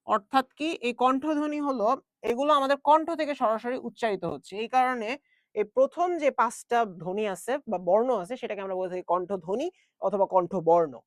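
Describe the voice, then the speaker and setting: A man's voice: very high-pitched, no echo, clean studio sound. A young man teaching an online class in a chatty way, with jokey asides and English words mixed in.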